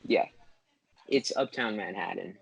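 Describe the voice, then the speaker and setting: A young man talks eagerly about his city over a video call, repeating phrases and acting out what people say. His voice is fairly low and sounds close and dry. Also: unhurried, gravelly, breathy edge, dry recording, highs cut off. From New York City. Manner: eager, repetitive, quoting others. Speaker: mentee. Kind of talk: casual video-call conversation.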